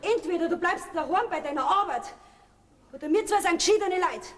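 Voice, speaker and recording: A woman's voice: very high voice, animated, a little fast. An actress with a Bavarian accent playing a fed-up middle-aged farm wife and mother who scolds her family in a folk theater comedy. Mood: defiant. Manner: scolding, indignant, loud. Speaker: stage actor. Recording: stage recording from far off, hall reverb.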